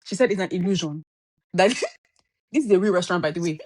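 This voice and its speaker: A woman's voice: on the low side, expressive, fairly quick, darkish tone, no room sound. A woman co-hosting a casual podcast, chatty and digressive, teasing the others while telling a story. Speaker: podcast co-host.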